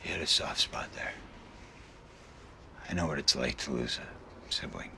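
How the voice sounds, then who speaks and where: A gravelly vampire hunter. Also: male voice, very deep voice, measured pace, sharp tone, full character voice. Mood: somber. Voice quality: gravelly, theatrically overdone voice. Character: gruff grown-up male vampire hunter, intense and brooding. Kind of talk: film dialogue. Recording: film soundtrack with clear background noise.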